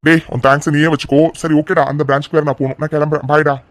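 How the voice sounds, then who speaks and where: A man's voice: fairly high pitch, level tone, racing, a bit bright, dry recording, voice pushed down, lightly acted. A man voicing a blunt young best friend in a cartoon who scolds and bosses his pal. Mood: blunt, scolding. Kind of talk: cartoon voice acting.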